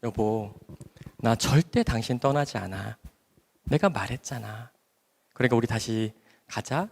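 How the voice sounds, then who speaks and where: Tender older mother, soft and soothing, quoted by a man, with a long hall echo. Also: mid-range voice, a little slow, gravelly, pitched below the performer's own voice.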